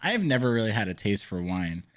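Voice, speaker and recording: A man co-hosting a casual podcast, animated, laughing often and restarting his sentences. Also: on the low side, fairly quick, a little hiss or hum. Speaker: podcast co-host. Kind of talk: casual chat.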